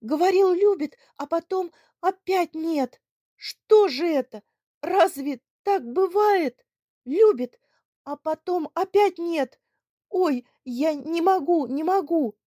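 A woman's voice: expressive, unhurried, hardly any pauses, mellow, dry recording, studio quality. A woman doing a sobbing hysterical young girl. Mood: wailing. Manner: high, wailing, tearful.

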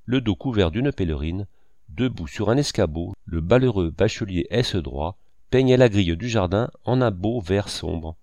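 A man reads a literary novel aloud in a measured, expressive way. His low voice rises and falls with lively inflection. He is close to the microphone in a dry, dead sound. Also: no echo. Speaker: audiobook narrator. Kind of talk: literary audiobook narration.

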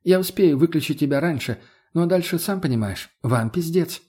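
A man reading an audiobook and voicing a smug, threatening young male villain with a mocking, menacing manner and a husky voice. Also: a little high, animated, normal speed, warm tone, pitched above the performer's own voice.

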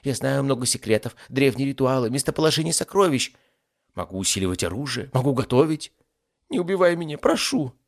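A man putting on a squeaky panicky little demon. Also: big pitch swings, brisk. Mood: panicked pleading. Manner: panicky, pleading, whimpering. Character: whiny cowardly young male demon, small and blue.

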